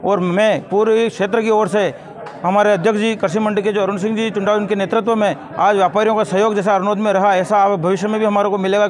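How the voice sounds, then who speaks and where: A man, a farmer giving a public statement to a news camera. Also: sits high. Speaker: farmer interviewee. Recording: busy outdoor crowd noise. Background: crowd.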